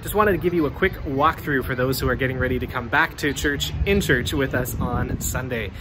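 A man's voice: mid-range voice, brisk. Man, pastor, friendly and chatty, phone recording, long church reverb, faint room hum. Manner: friendly, chatty, frequent fillers and restarts. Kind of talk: casual walkthrough video. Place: inside an empty church building. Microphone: phone held at arm's length. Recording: reverberant hall with faint ambience.

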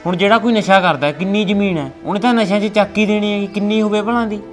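A man's voice: high-pitched, steady tone, soft background music, lightly acted. A man playing an older rural Punjabi father. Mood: weary. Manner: slow, fatherly advising. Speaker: father of a grown son. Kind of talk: family web drama acting.

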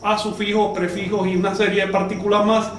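A man with a fairly high voice teaches a class, explaining slowly and firing questions at his students. He is heard from a distance in a very echoey room. Faint noise sits behind him. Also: level tone. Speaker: language teacher. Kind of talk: classroom lesson.

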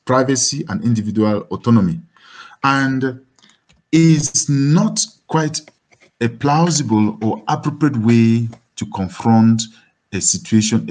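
A husky Cameroonian academic philosopher lectures over slides as a webinar speaker, his mid-range voice a little mellow. He speaks in a halting, deliberate way and repeats words. He's in a dim indoor room on a video call, picked up by a computer microphone.

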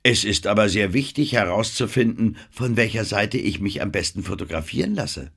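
A man's voice: lowish voice, expressive, normal speed, vocal fry, a bit bright, breathy edge, voice pushed up, exaggerated voice. A man voicing a cheerful, playful young woman in an audiobook. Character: cheerful young actress on a ship.

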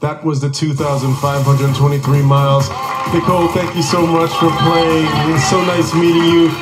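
A game show host in a big television studio guides a contestant through play while music and the crowd carry on in the background. His pitch is fairly high, his delivery totally flat, and his speed normal.

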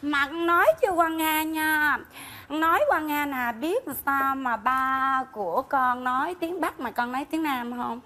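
A woman playing a cheeky, quick-witted young village girl with a Southern Vietnamese accent in a live stage comedy sketch. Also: sits high, sharp tone. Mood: sassy. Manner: sassy, chattering, talks back. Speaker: comic stage actor.

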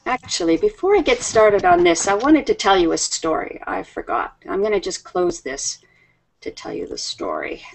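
This is a woman in her fifties running an online English class from home, using her webcam on a video call. Her gravelly mid-range voice has a sing-song lilt at a normal speed, and she's patient, friendly, and quick to laugh in a slow classroom manner. The sound is poor.

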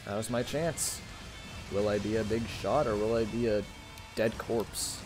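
A man playing a video game, excitable and quick to laugh while chatting. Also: fairly low pitch, music in the background. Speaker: gamer. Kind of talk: casual gaming chat.

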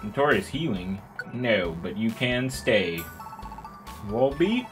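A young let's play gamer reads a video game's dialogue aloud, putting on voices for the characters and making crude jokes between lines in a casual manner. His voice is on the low side, sing-song and slow, with the game music playing behind him.

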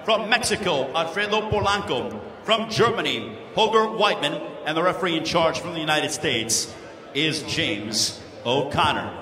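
A man making formal boxing ring announcements, projecting in a deliberate, emphatic way. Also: on the high side, expressive, pushed and bright. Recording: echoing arena PA, crowd noise.

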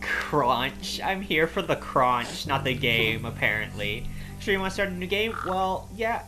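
A woman's voice: low-pitched, sing-song, a little slow. A woman co-hosting a let's play, joking around in casual gameplay commentary with game music behind. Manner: playful, jokey banter.

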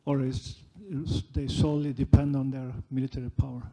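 A man's voice: medium pitch, flat delivery, a little fast, warm tone. A man in the audience asking questions hesitantly, searching for his words, in a large lecture hall.

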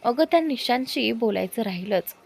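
A woman's voice: a little high, expressive, normal speed, creaky. A woman voicing a teasing, bossy young best friend in a spoken love story. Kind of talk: storybook character voice.

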